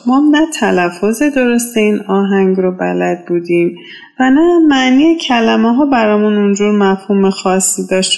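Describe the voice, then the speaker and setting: A woman in her fifties from Iran, telling a personal memory in a relaxed, nostalgic, conversational way. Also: mid-range voice, gravelly, low-quality recording. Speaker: storyteller sharing a memory. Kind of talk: casual personal storytelling.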